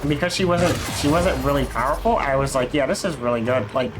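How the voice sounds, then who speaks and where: A young man thinking aloud as he streams a video game, with loose, rambling talk that often restarts and slips in casual swearing. His voice sits at an ordinary middle pitch, with a faint hum of room noise behind it. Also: quick pace. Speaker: livestreamer playing a video game. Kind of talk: casual gameplay commentary.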